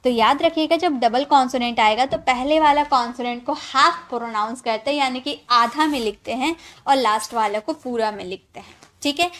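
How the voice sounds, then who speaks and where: Woman teacher, high bright voice, patient explainer, spells letters aloud, repeats words, checks in with viewers. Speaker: English teacher. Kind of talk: spoken phonics lesson.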